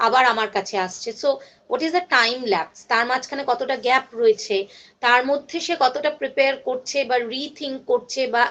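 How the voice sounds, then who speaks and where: A woman's voice: high-pitched, fairly bright tone. A woman college lecturer with a Bengali accent, teaching a class in a mix of Bengali and English, with many fillers and self-corrections.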